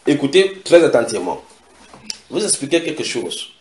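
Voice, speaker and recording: A man preaching a sermon in an animated way, repeating key phrases for emphasis. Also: mid-range voice, moderate pace, noisy background. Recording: echoey room.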